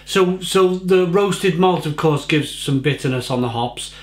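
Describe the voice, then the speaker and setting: Here the man's pitch is fairly high and his pace a little slow, with a roomy sound. He reviews a beer casually in his kitchen at home, chatty and repetitive, hands moving as he talks, filmed indoors by a fixed desk camera.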